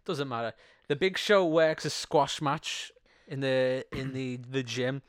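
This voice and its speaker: A man's voice: medium pitch, steady tone, slow, clear, resonant tone, no echo, studio quality. A man co-hosting a podcast, chatting casually and rambling about a TV episode, laughing often and swearing now and then. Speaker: podcast co-host. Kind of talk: casual chat reviewing a TV episode.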